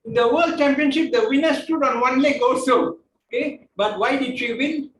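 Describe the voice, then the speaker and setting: A man's voice: extremely high pitch, moderate pace, fairly bright tone. A man teaching public speaking at a club meeting, joking and often checking in with the room. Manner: joking, keeps checking in with "okay?". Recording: echoey room, mic far off, faint noise.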